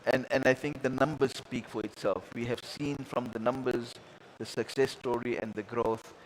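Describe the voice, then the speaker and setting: Brief: male moderator, mid-pitched, gracious and formal, stumbles and repeats words. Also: fairly even intonation, moderate pace, slight background noise, low-quality recording. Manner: stammering restarts, gracious, formal thanks. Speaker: moderator, host. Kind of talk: hosting a panel dialogue.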